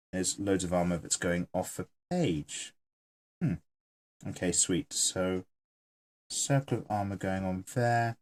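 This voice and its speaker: The channel host, an artist, chats and jokes casually while drawing and reading comments from viewers. He speaks in a lowish, slightly mellow voice.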